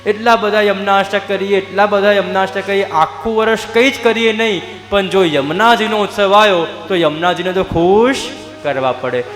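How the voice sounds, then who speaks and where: High-voiced man preaching in an echoey hall. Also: normal speed, a bit bright. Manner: storytelling, rhetorical, addresses the audience directly. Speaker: devotional preacher. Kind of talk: Gujarati devotional katha sermon. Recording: echoey hall with long reverb, faint music.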